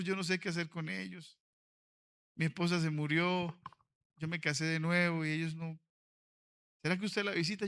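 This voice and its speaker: Fervent, bright-voiced male pastor. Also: sits high. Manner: animated preaching, swinging from quiet storytelling to fervent shouting. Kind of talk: sermon. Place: convention auditorium.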